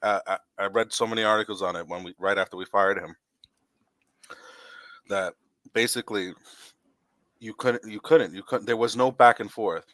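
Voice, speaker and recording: A man with a lowish voice that has a forceful, bright edge. He rambles through his opinions as a podcast host, restarting his sentences often. The sound is dry and close. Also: fairly even intonation, normal speed, long pauses, no echo. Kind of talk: casual sports chat.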